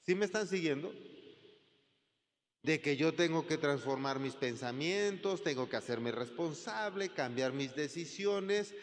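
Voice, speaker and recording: A man's voice: a little high, animated, unhurried. A man preaching a sermon as pastor, asking the congregation rhetorical questions and acting out quoted voices. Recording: long reverb of a large hall.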